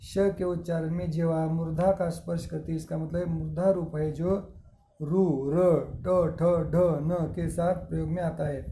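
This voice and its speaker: A male schoolteacher records a grammar lesson for his pupils, reading words out one at a time and explaining each point with care. His voice sits a little high for a man, yet it sounds mellow, and he talks very slowly. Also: little pitch movement, slight background noise. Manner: slow, deliberate word-by-word reading with explanations. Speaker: school teacher. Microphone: screen recording with device mic.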